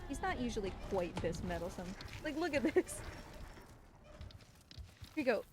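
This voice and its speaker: This speedrunner, live on stream for a charity marathon, speaks at a normal speed in a slightly high, sing-song voice. Her casual commentary turns into playful, exasperated scolding aimed at the game creature, with game sounds and ambience clear in the background.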